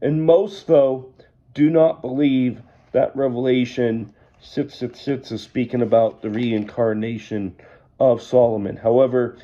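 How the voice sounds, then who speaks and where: A man leading an evening Bible study, reading scripture aloud and then explaining it in a measured way. He says he is losing his voice. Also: mid-range voice, fairly even intonation, warm tone, dull audio.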